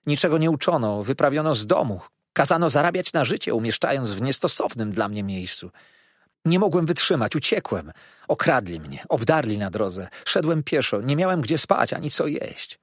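A man voicing a ragged runaway boy who pleads with his aunt, his husky voice strained and urgent. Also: mid-range voice, very animated, slow, long pauses, dry recording, studio quality, exaggerated voice. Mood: pleading.

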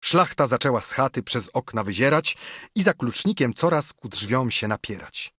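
A man narrating an epic poem in a measured, dramatic audiobook reading. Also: mid-range voice, lively intonation, bright, forceful tone, husky, no echo, clean studio sound.

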